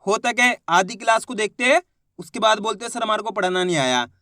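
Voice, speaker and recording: A man's voice: high voice, quick pace, bright, forceful tone, no room sound, clean studio sound. A man teaching reading in an online lesson, sounding out words syllable by syllable and then blending them, while coaxing his viewers along as friends.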